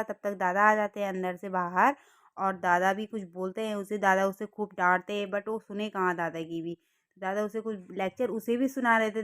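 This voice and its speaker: A woman's voice: medium pitch, dry recording, studio quality. A woman in her thirties giving a chatty, cheerful running commentary on her family day for a vlog. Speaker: vlogger. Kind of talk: casual vlog narration.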